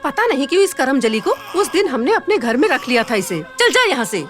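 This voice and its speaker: A woman playing a cruel stepmother in a family drama, talking in a harsh, shrill way. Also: big pitch swings, a little fast, soft background music. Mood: angry. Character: cruel, scolding stepmother of a young girl. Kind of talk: Hindi family drama acting.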